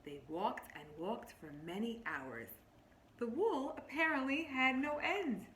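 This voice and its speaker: In an echoing, roomy space with faint background noise, a woman teacher whose voice sits high reads a picture book to young listeners. She is expressive and instructive, talking to the children directly, breaking off to explain words and ask them questions.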